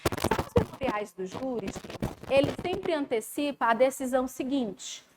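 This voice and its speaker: A woman's voice: high-pitched, animated, unhurried, background noise. A woman with a Brazilian Portuguese accent, teaching law in a live class, chatty and addressing students directly.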